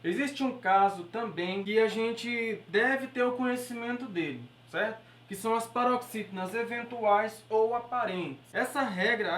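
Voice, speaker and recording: A woman with a Brazilian Portuguese accent and a somewhat high, slightly bright voice teaches an exam-prep grammar lesson step by step. She checks in with listeners using "beleza?" and "certo?", and her voice sounds far from the mic in an echoey room.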